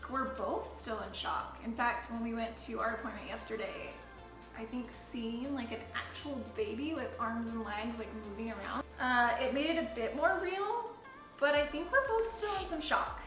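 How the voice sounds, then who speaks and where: A woman's voice: fairly high pitch, expressive, moderate pace, bright, forceful tone. A young woman chatting casually to camera as a co-host, candid and playful, with dramatic emphasis. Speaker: video creator, co-host. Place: indoors at home. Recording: roomy echo, faint music behind.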